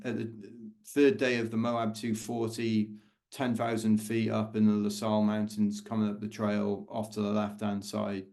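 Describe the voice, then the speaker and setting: Low creaky-voiced London man telling stories. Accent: London English. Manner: animated anecdotes, acts out quoted voices, laughs often. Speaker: podcast guest, ultra endurance runner. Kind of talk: casual storytelling interview.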